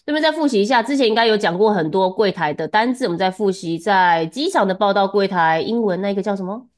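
A woman's voice: medium pitch, lively intonation, fast. A woman giving a one-on-one Japanese lesson, chatty and laughing often as she coaches pronunciation. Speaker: Japanese tutor.

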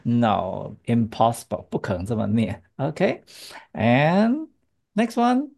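A woman teaching English pronunciation in a patient, lively way, her pitch bouncing as she explains and drills words with a student. Her voice has a slightly gravelly edge. She keeps asking quick checking questions. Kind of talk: bilingual English pronunciation lesson.

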